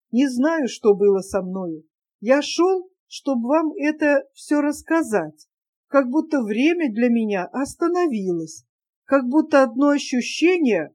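A woman's voice: a little high, darkish tone. A woman voicing a shy, lovesick young man who speaks in an earnest, pleading, heartfelt way, in an audiobook reading.

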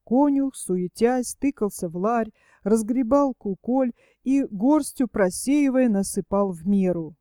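A woman reading a literary story aloud as an audiobook narrator, in a steady storytelling manner. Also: on the high side, measured pace, dry recording, clean studio sound.

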